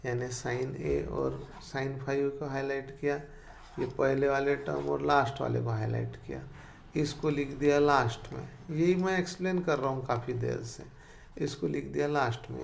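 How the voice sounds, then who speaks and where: A man's voice: medium pitch, gravelly, slight background noise. A man teaching a math lesson, patiently repeating each step and checking whether students follow.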